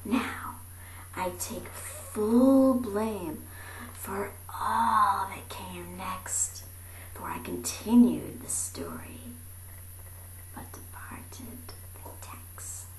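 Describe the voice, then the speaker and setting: Reading extremely slowly in a mid-range voice, a woman voices a rhyming picture book in a theatrical, animated way, moving from hushed tones to projection. As an amateur storybook reader she whispers breathily and calls out. The recording has a roomy echo and faint noise behind it.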